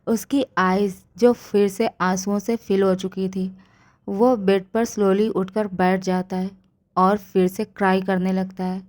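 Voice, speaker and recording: A woman narrating a fan fiction story in a steady storytelling manner. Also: mid-range voice, takes it slowly.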